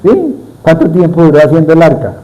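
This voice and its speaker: Male preacher, middle-aged, mellow voice, keeps quizzing the congregation. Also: fairly high pitch, sing-song, brisk, dull audio. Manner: asks the congregation questions. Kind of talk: sermon.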